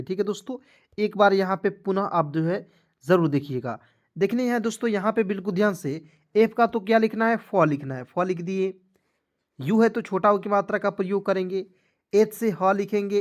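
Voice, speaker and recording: A man teaching an online spelling lesson, going through each step patiently and repeating it often. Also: high-pitched.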